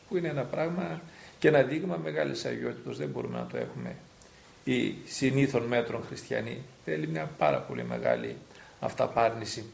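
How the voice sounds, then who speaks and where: Gravelly-voiced priest recalling memories. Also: male voice, mid-range voice, a little mellow. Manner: earnest, reflective storytelling. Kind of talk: documentary interview recollection. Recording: roomy echo.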